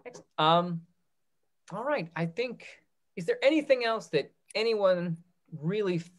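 With a high-sitting voice, this instructor in his thirties delivers animated but unhurried announcements while hosting a theatre talkback. He's informal, encouraging and a bit hesitant, speaking from an indoor room into a computer mic on a video call.

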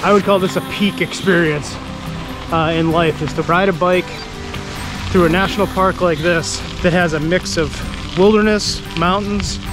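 A man's voice: high voice, fairly even intonation, moderate pace. A man in his thirties vlogging outdoors while cycling, speaking to a close-held camera in an awed, easygoing, musing way. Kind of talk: casual travel vlog. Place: outdoors on park trails by bike. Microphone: camera held up close while riding. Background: background music.

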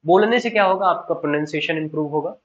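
An Indian man teaches a spoken English lesson in an earnest, encouraging tone, driving each tip home by repeating it. His voice sits a touch higher than most men's. The recording sounds slightly dull and lo-fi. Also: fast talker. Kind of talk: online class lecture mixing Hindi and English.

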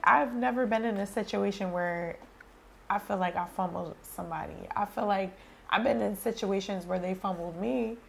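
A woman's voice: mid-range voice, normal speed, vocal fry, slight background noise. A woman in her twenties chatting casually as a podcast guest, blunt and slangy. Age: 20s. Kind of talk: casual chat. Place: small studio set on a couch, indoors.

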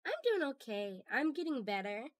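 A woman streamer, hoarse from a cold, chatting casually with her viewers and greeting them by name. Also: a little high, sing-song, moderate pace, no room sound.

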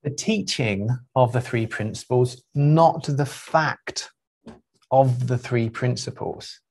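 A middle-aged man, a spiritual teacher, speaking to a group in an unhurried, reflective way with frequent pauses and 'um's. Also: mid-range voice, darkish tone.

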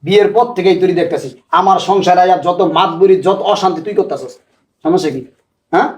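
A man playing a fast-talking hot-tempered husband. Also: high-pitched, natural voice. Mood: angry. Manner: angry, insulting tirades. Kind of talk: Bangladeshi short drama acting.

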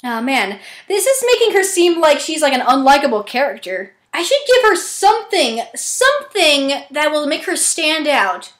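A young adult woman with a high-pitched, slightly bright voice and big pitch swings talks at normal speed with few pauses, rambling in a self-deprecating way about auditioning as an amateur voice actor. It's casual, chatty vlog narration recorded in an echoey room.

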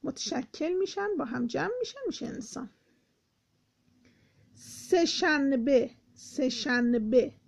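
A woman teaching beginners to read, breaking words into syllables and sounding out each letter slowly. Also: sits high, lively intonation, gravelly, a little mellow. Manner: slow sound-by-sound spelling of words. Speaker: Persian teacher. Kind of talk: beginner reading lesson. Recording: dull lo-fi recording.

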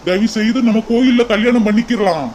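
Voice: medium pitch, brisk, darkish tone, slight background noise, lightly acted, low-quality recording. A voice actor playing an earnest cartoon suitor. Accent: Kanyakumari Tamil. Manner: coaxing, reassuring, repeats her name. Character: young man in love, earnest and coaxing. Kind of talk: cartoon voice acting.

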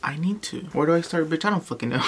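A woman's voice: sits low, lively intonation, fast, slightly rough. A young woman casually chatting in a home vlog from her bedroom, blunt and full of swearing. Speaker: vlogger.

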